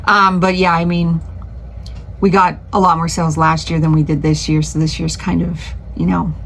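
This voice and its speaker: A middle-aged woman with a notably low voice talks through her week in a casual vlog. She rambles in a relaxed way, full of "um"s and restarted sentences, while working in her home craft studio. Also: normal speed, creaky, a little hiss or hum. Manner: rambling, many fillers and restarts, chatty. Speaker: small craft business owner.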